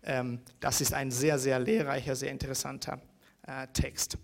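A man's voice: mid-range voice, flat delivery, normal speed, vocal fry. Hesitant lecturing man. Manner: hesitant, many fillers, rhetorical "ja?" checks. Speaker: university lecturer.

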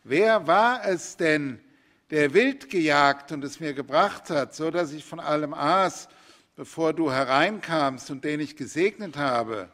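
A solemn aged father giving a blessing, read out by a man. He recites slowly and gravely, in a raised, measured tone. It sounds like a storybook reading of an old scripture tale. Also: on the high side, lively intonation, a bit bright. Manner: solemn, slow biblical recitation. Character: aged blind father blessing his sons.

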